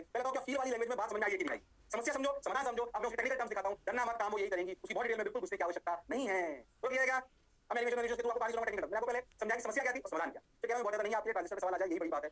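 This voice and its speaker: A man teaching an energetic exam-prep lecture. He keeps checking whether students understood, mixes English technical phrases into his speech, and playfully mimics students' eager replies. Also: high-pitched.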